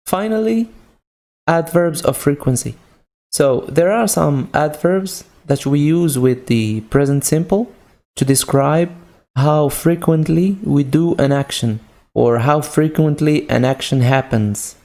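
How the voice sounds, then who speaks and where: A man with a Moroccan accent and a fairly high, dark, mellow voice with a gravelly edge leads a slow, deliberate English grammar lesson. He goes over every point again with patience, relying on simple example sentences.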